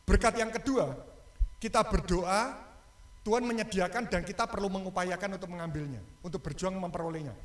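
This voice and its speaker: A male pastor, preaching a lively sermon and joking with the congregation and asking them questions. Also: high voice, brisk. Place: church. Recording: echoey church hall.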